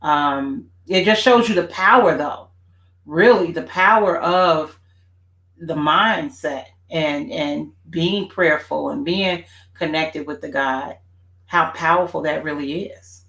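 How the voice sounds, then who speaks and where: A woman's voice: low-pitched, takes it slowly, a bit bright. A woman co-hosting a family faith talk show, chatting reflectively and agreeing with her partner, with many "you know" fillers. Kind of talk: casual conversation. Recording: roomy echo.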